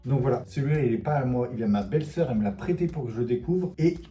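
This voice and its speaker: A man with a very dark, mellow voice hosts a relaxed book vlog, puzzling things out aloud and letting his words fade away quietly. His voice rings in a roomy space, with faint music underneath. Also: mid-range voice, racing. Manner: thinks aloud, trailing off softly. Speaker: book vlogger. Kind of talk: casual book quiz vlog.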